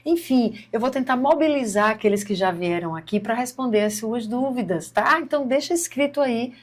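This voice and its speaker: A woman's voice: a little high, moderate pace. A Brazilian woman hosting a faith podcast, encouraging and speaking straight to her viewers. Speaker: podcast host. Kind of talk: podcast interview.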